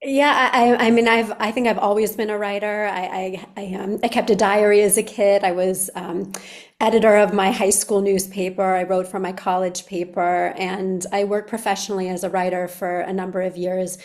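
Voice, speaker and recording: A woman's voice: medium pitch, flat delivery, moderate pace. A woman author, formerly a speechwriter, answering interview questions earnestly, often restarting and repeating words. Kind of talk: interview conversation.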